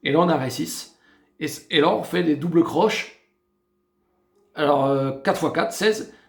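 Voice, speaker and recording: In a guitar tutorial, a man explains chords step by step, slowly, counting beats and singing snatches as he plays. His voice is fairly high and creaky, and the room is echoey with loud guitar.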